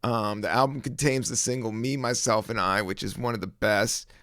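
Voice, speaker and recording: A man from the American South hosts a casual solo podcast, rambling easily with many fillers while laughing and singing snippets. His fairly low, slightly bright voice keeps fairly even intonation at a moderate pace. The sound is dry and clean, recorded in a studio.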